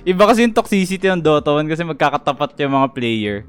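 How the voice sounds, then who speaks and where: A man's voice: a little high, very animated, fast. A man chatting as a guest about games, joking and playful. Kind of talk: casual gaming podcast chat.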